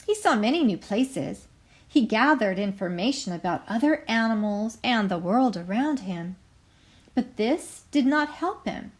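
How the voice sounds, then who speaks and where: Reading aloud to little kids, a woman teacher sounds a little high in pitch. Her storytelling is expressive and clearly articulated, broken up by pauses where she explains parts of the tale.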